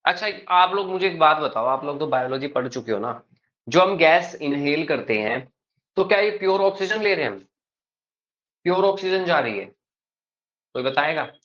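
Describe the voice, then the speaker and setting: The recording, muffled and lo-fi, captures a male teacher whose bright, forward voice is on the high side. He lectures calmly at an even pace and keeps pausing to check his students are with him.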